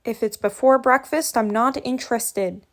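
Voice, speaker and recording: Reading from a storybook at normal speed, a woman with a slightly high voice takes on the role of a lazy male cartoon cat. Her light acting brings out his sarcastic, grumbling, wisecracking lines.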